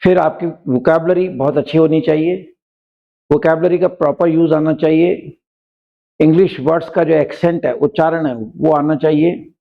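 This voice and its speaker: Male English teacher, raised pitch, gravelly edge, patient step-by-step explaining. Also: steady tone, moderate pace, phone-quality sound. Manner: explains step by step, often asks "right?". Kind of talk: classroom vocabulary lesson.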